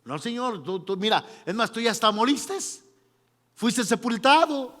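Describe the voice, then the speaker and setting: A man voicing a flustered man who protests his innocence in a quick, stammering plea. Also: very high-pitched, very animated, a bit bright, heavily acted. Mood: pleading. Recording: long reverberant hall.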